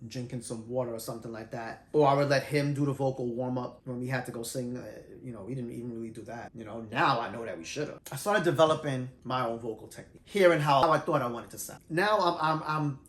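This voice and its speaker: A middle-aged man telling his singing story in a loose, animated, conversational way, teaching as he goes. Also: mid-range voice, fast, few pauses. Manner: animated, self-described shy introvert, loose and conversational. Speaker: vlogger sharing singing tips. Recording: roomy echo.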